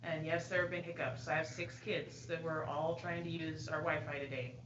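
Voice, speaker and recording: Woman chairing a board meeting, lowish voice, plainspoken; echoey, dull recording. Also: level tone, normal speed, background noise. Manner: warm-hearted, plainspoken, chatty asides with "you know". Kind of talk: public remarks at a board meeting.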